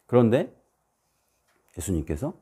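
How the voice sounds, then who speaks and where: A man preaching a sermon as a missionary, telling stories and acting out the voices and shouts in them. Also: on the low side, sing-song, a little slow, husky. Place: church.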